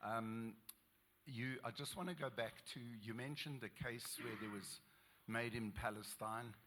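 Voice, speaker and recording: A man from South Africa asking a question from the audience at a talk, halting and restarting often. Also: mid-range voice, steady tone, background noise. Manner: halting, many fillers and restarts. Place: lecture hall with audience.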